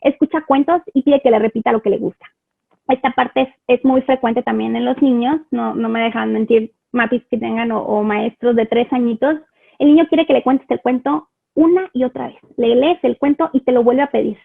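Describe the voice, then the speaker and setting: A woman's voice: on the high side, steady tone, normal speed, gravelly, husky. A woman with a Mexican Spanish accent teaching parents about children's language in a chatty live online talk, often checking in with rhetorical questions. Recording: phone-like, lo-fi online stream audio.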